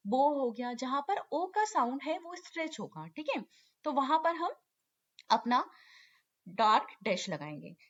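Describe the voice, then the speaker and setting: Patient woman teaching shorthand. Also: sits high. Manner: patient, repeats key terms and checks in with "ठीक है". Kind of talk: online lesson explaining step by step. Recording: lo-fi dull recording.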